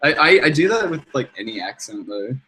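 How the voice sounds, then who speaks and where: A young man co-hosting a casual gaming podcast, his voice sitting at an ordinary middle pitch. He rambles, cuts himself off mid-sentence and laughs a lot. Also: very animated, brisk, sharp tone, poor audio. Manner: rambling, self-interrupting, laughs often. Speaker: podcast co-host. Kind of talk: casual chat.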